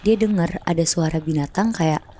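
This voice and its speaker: A woman's voice: fairly low pitch, normal speed, mellow. A woman casually telling a horror story on a podcast, chatty and slangy, acting out sounds.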